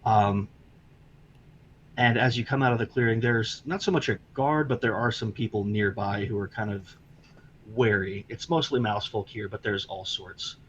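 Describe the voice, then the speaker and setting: A low-voiced man runs a tabletop game, describing the scene loosely and filling pauses with ums and likes. The recording is dull and lo-fi, with a faint hiss throughout. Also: fairly bright tone. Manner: loose, with many fillers. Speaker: game master.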